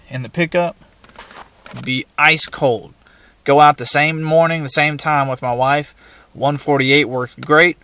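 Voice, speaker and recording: In a clean, echo-free recording, a man with a medium-pitched, slightly bright voice walks through a hands-on how-to in a relaxed, folksy way. He's an amateur presenter working in and around parked vehicles.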